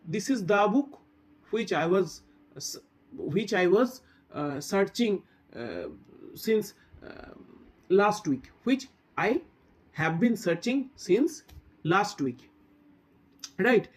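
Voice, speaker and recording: Man, grammar teacher, step-by-step explaining, slow reading of examples, frequent check-ins. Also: high voice, sing-song. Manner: reads English examples slowly. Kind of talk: grammar lesson.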